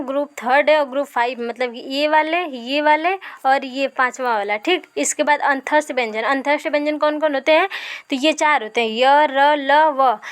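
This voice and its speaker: A woman's voice: high-pitched, a little hiss or hum. A woman teacher giving an exam revision lesson. She asks her own questions, answers them, and keeps checking in with "ठीक है".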